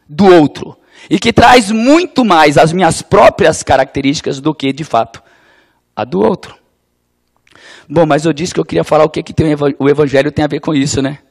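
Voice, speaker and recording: A man's voice: sits high, creaky. Reflective Brazilian man preaching. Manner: reflective, conversational, with wry humor. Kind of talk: gospel teaching talk.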